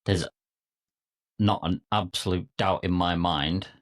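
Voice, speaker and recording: A man's voice: deep voice, steady tone, slow pace. A man co-hosting a coaching podcast, talking with enthusiasm and an easy, jokey manner. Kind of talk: casual podcast conversation.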